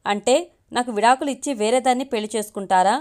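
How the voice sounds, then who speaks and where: A woman reading as Bhumi, a sharp, jealous young wife. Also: on the high side, quick pace, lightly acted. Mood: wailing. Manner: sharp, scolding and sulky. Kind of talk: storybook reading.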